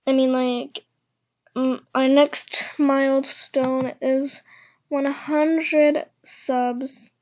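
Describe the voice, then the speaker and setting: A young woman with a lisp, talking quietly and awkwardly with many pauses in a casual vlog, keeping her voice down at home. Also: high voice. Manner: awkward, hesitant, speaking quietly to keep her voice down. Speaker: channel host. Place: echoey house, indoors. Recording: dull lo-fi home recording.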